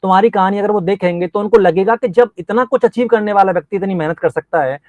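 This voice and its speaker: A man's voice: sits high, quick pace, darkish tone, dry recording. A man coaching nursing exam students, interviewing a top scorer in an earnest, encouraging, teacherly way. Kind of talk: motivational interview.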